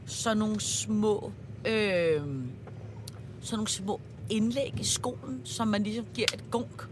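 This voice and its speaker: A woman co-hosting a podcast, chatting casually and telling stories with warm exclamations, recorded on a train. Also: mid-range voice, background noise. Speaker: podcast co-host. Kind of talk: casual chat.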